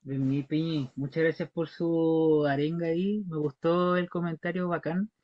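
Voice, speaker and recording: A man's voice: on the high side, fairly even intonation, moderate pace, dry recording. A man with a Chilean accent teaching an online language class, patiently repeating words for pronunciation. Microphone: video call. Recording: dull, dry video call audio.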